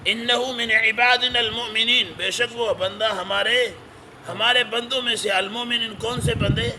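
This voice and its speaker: A high-voiced male Quran teacher recites Arabic verses and then explains them line by line in a translation lesson, posing teacher's questions along the way. His tone is steady, bright and forceful, and traffic noise runs behind the recording.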